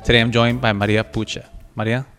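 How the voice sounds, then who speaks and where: A man's voice: mid-range voice, flat delivery, a little fast, music in the background. A man hosting a podcast interview, talking in a friendly way and often restarting his phrases. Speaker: podcast host. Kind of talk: casual interview conversation.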